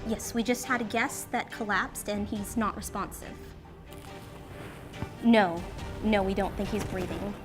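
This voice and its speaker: A woman's voice: mid-range voice, steady tone, unhurried, pauses often, over music, lightly acted. A woman playing a composed, efficient event venue coordinator in an acted training-film drama. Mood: urgent, controlled.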